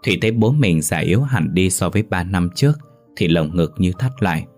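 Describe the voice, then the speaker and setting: A man narrating a story in a steady audiobook delivery. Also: low-pitched, fairly quick. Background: faint music.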